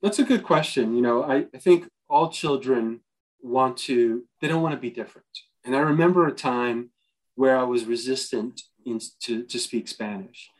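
A man's voice: medium pitch, moderate pace, poor audio. A middle-aged man from the United States, a journalist being interviewed, answering earnestly and thoughtfully, often checking in with "right?" and restarting his phrases. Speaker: journalist guest.

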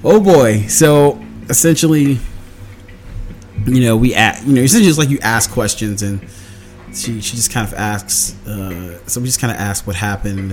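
A man casually recapping a tabletop game session as one of its players, meandering through the story and acting out quotes. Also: fairly low pitch.

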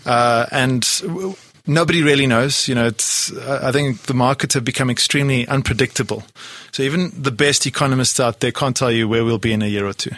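A man's voice: mid-range voice, a little fast, a bit bright, dry recording. A man from Poland, a guest entrepreneur, chatting casually in an interview with lots of restarts and fillers. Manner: rambling, many restarts and fillers. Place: South Africa.

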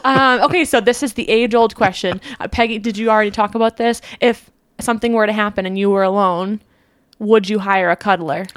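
A young adult woman co-hosting a podcast in a chatty, teasing casual chat, quick to laugh. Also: mid-range voice, no room sound. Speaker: podcast co-host.

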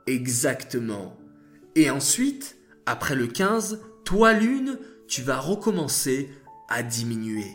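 A man voicing a kind, patient God who consoles the moon in a children's story, speaking low, slow and reassuring. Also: sing-song, faint music behind. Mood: explaining.

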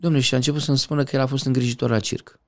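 A middle-aged man talking as an interview guest, passionate, swinging from loud outbursts to quiet reflection. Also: medium pitch, fairly even intonation. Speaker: podcast guest. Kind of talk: conversational interview.

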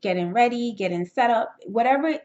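A woman's voice: on the high side, expressive, brisk. Chatty woman podcast host, lo-fi sound. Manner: chatty and upbeat, switching into a soft breathy whisper for effect. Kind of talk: casual podcast talk to listeners. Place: home setup.

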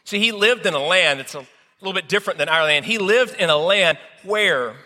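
A man preaches, unfolding a story slowly with deliberate pauses. His voice is bright and clear, and it rings out under a long hall reverb. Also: high voice, lively intonation. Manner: dramatic pauses, slow deliberate retelling. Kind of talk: sermon storytelling.

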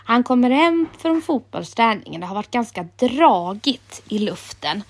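A woman calmly reading a children's story aloud in a gentle storytelling manner. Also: on the high side.

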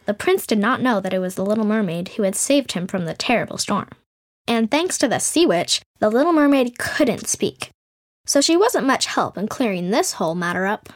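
A woman telling a fairy tale as the show's storyteller in scripted narration, with playful, sarcastic asides. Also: mid-range voice.

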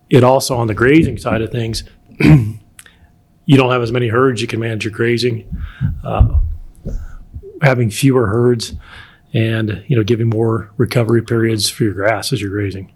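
Male interviewee, rancher type, explanatory and measured, halting delivery with throat-clearing. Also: fairly low pitch. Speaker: bison producer being interviewed.

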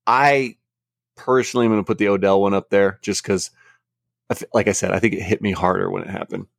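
A man's voice: lowish voice, fairly even intonation, quick pace, vocal fry, no echo, clean studio sound. A man co-hosting a sports podcast, chatting in an easygoing way. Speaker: podcast co-host. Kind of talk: casual sports podcast chat.

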